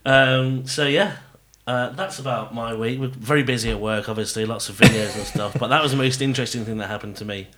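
A man co-hosting a podcast, chatting casually and excitably, often breaking into laughter. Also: mid-range voice, fairly quick, few pauses. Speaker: podcast co-host. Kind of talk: casual chat.

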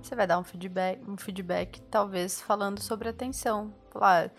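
A woman joins a podcast conversation and chimes in with short remarks. Her voice sits at a middle pitch. Faint music plays behind her. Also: steady tone, normal speed. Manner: brief chiming-in remarks. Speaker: podcast guest. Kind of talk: casual podcast discussion.

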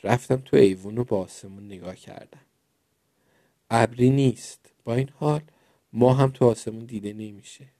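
A man narrates children's stories in a gentle, expressive reading voice. His tone is mellow and dark, recorded close in a dry room with no echo. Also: medium pitch. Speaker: storyteller.

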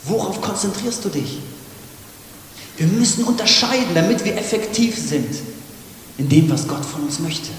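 A man with a northern German accent preaches with passion, his fairly high voice pressing hard, then sinking to a near-hush. The sound rings through a long, echoing church hall. A faint hiss sits under the recording. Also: lively intonation, moderate pace, pauses often. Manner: impassioned preaching that swings between loud urging and hushed, soft passages. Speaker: pastor. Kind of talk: sermon. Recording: echoey reverberant church hall with faint noise.

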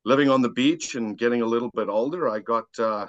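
A man with a medium-pitched voice and a South African accent talks briskly as a podcast guest, an amateur golfer casually recounting personal stories with a laid-back, self-deprecating air. The audio is dull, lo-fi and dry, with no echo.

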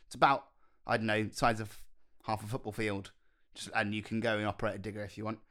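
A man's voice: on the low side, flat delivery, quick pace, fairly bright tone. A man with a posh British RP accent, chatting casually as a co-host and rambling hesitantly through his stories. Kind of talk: casual chat.

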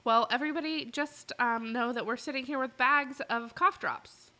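A woman chats casually as a podcast co-host. Her voice sits a little high and has a bright, forceful edge. She talks in a candid, salty, conversational way. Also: moderate pace. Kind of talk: casual chat.

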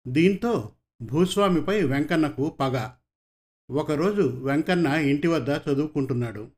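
Man narrating a story, slightly high voice. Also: lively intonation, a little slow. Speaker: story reader.

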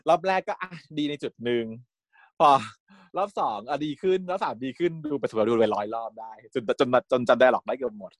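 A man chats casually, retelling scenes as an excited fan. He speaks at a middling pitch, animated and gushing. The recording is dry, with no room echo. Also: a little fast. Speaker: fan recapping a series. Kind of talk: casual chat.

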